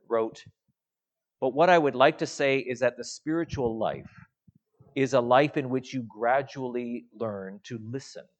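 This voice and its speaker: Slow, measured male preacher. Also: mid-range voice. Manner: slow, measured, with soft trailing phrase endings. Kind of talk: sermon.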